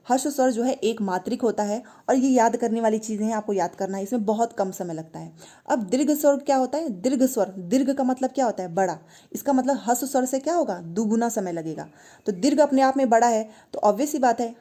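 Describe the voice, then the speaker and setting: Female grammar tutor, fairly high, warm tone, coaxing students to say sounds back. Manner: explains step by step, asks and answers own questions; has students repeat sounds aloud. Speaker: Hindi grammar teacher. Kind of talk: online exam-prep lesson.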